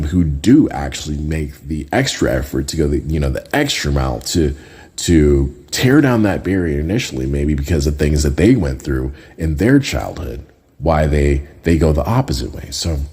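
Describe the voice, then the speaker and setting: Podcast host, man, from Jamaica: very deep, mellow voice, casual conversational delivery. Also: husky. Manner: conversational, often tags lines with "right?". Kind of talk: casual solo podcast talk.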